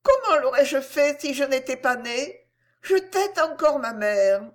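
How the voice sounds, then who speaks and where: A woman's voice: high-pitched, big pitch swings, unhurried, voice pushed up. A woman voicing a timid, innocent little girl in a read-aloud story. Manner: timid and gentle. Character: sweet, innocent little girl reciting fables.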